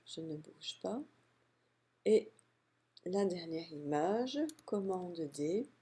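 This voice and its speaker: A woman calmly walking through a software tutorial step by step, narrating her clicks. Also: fairly low pitch, slightly rough. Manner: calm step-by-step explaining, unhurried. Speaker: software instructor. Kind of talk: screen-recorded software tutorial.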